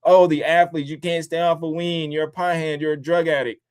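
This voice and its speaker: Man, casual livestream host, profane, animated, jumps up into mocking squeals. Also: on the high side, fairly quick, smooth. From born in upstate New York, raised in the DC area. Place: home in Columbus, Ohio.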